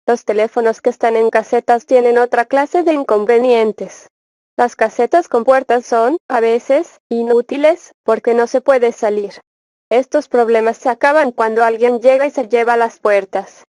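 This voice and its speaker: A woman reads aloud from a textbook, working through its passage and exercise answers in an even, measured tone. Her voice sits a little high. The recording is dry and close, with no room sound. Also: dry recording. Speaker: reader.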